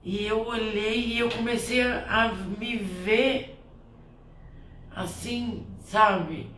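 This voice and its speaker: A woman's voice: on the high side, fairly even intonation, very slow, fairly bright tone. Heartfelt woman sharing a spiritual reflection. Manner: heartfelt and rambling, with many restarts. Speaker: spiritual healer who performs blessings. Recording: roomy, distant from the mic, faint ambient noise.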